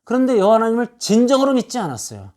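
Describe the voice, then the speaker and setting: A man's voice: very high-pitched, wildly swooping pitch, rapid-fire, a little mellow. A man preaching a sermon as pastor, reading scripture verses and pressing his point with rhetorical questions and repeated lists. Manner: quotes scripture verses aloud. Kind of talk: expository sermon.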